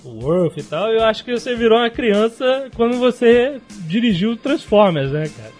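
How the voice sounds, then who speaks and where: A man's voice: very high-pitched, big pitch swings, moderate pace, a little mellow, soft background music. A man hosting a casual podcast chat, agreeing briefly and asking questions. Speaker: podcast host.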